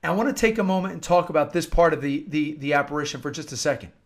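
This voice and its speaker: Rapid-fire and fairly even in intonation, a high-voiced man from the United States preaches earnestly. His informal devotional talk features scripture-like readings, and he repeats phrases emphatically to make his points.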